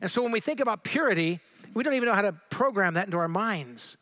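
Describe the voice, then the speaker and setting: A middle-aged man from Southern California, a pastor delivering a sermon in a conversational way, slowing down to read scripture with emphasis. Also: high voice, expressive, pushed and bright.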